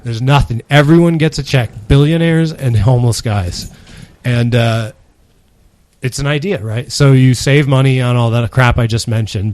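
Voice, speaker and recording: A man's voice: medium pitch, darkish tone, dry recording. Guy cohosting a podcast, explains stuff, dry close sound. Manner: explains at length, laughs easily. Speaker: podcast co-host. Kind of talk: casual chat.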